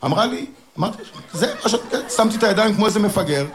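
A man's voice: sits high, slight background noise. A middle-aged man telling a stand-up story to a live audience, acting out the people in it. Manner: animated, acts out other people's voices in quotes. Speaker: stand-up comedian. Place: stage before a live audience.

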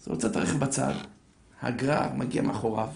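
A man telling a story to an audience in an animated way, building suspense and acting out the characters, in an echoey room. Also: mid-range voice, vocal fry, slight background noise. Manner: lively, acts out voices, builds suspense.

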